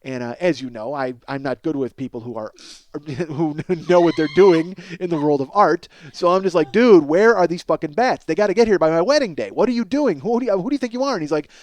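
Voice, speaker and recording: Speaking fairly quickly in a voice on the high side, a middle-aged comedic storyteller hosts a podcast, rambling casually with profanity and self-deprecation and excitably exaggerating to get laughs.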